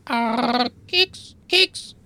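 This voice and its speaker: A man's voice: extremely high pitch, expressive, drawn-out words, bright, forceful tone, voice pushed up, exaggerated voice. A man voicing a scrawny female parrot named Nora who squawks short clipped words with "arr", in an audio story. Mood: squawking, eager.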